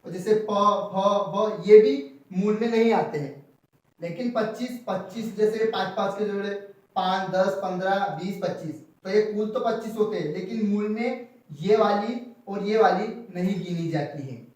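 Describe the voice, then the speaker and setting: A man's voice: high voice, moderate pace, dark tone. A young man teaching a Hindi lesson, drilling each term by asking the class what it is called and answering himself. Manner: repeats key terms as rhetorical questions. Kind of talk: explanatory Hindi grammar lesson. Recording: echoey room, voice from far off the mic.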